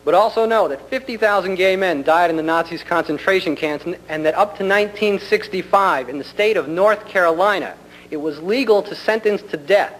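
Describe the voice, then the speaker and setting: A man delivers a prepared public speech at a government meeting in an earnest, deliberate and polite way. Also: fairly high pitch. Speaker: community center director addressing a county commission. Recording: noisy hum, 1990 public meeting recording.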